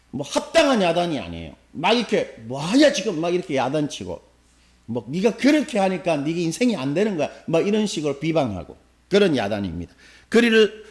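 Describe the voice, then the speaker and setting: A man preaches a Sunday sermon in a high voice that rises and falls a great deal. He keeps turning to the congregation with questions and answers them himself. Now and then he acts out a harsh scolding in quick bursts. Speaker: pastor. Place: church sanctuary.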